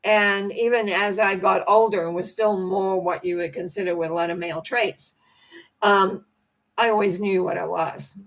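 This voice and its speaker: An older woman hosting a spiritual personal-growth talk, her voice hoarse and croaky, cracking now and then as she clears her throat, speaking in a rambling, conversational way. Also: mid-range voice, steady tone, normal speed, poor audio. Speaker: host.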